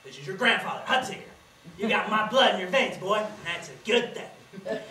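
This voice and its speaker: With a bright, forceful mid-range voice delivered a bit fast, a student lightly acts the part of a sly, bragging old country grandfather lecturing in a cackling folksy drawl on a school stage. The mood is boisterous, and the distant, echoey auditorium recording carries a little hiss or hum.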